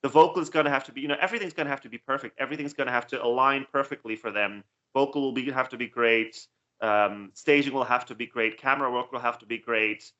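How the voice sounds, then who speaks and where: A man co-hosts a casual reaction chat, laying out opinions in an analytical way. His voice is bright and forceful, and he often repeats words as he gathers a point. The recording sounds dull and lo-fi. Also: mid-range voice, fast talker. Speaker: co-host reacting to songs.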